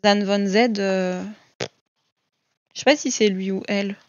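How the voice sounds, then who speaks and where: Brief: a chatty woman gushing over her books, mid-pitched voice, close dull home recording. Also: steady tone, a little slow, a little mellow, dry recording. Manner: chatty and gushing, frequent "euh" and repeats. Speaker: coloring book vlogger. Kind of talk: casual chat showing books.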